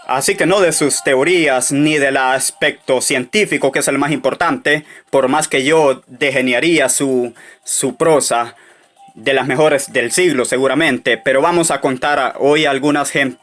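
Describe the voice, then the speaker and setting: A man telling anecdotes in a casual monologue, halting often with fillers and restarts. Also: medium pitch, fairly even intonation, fairly bright tone.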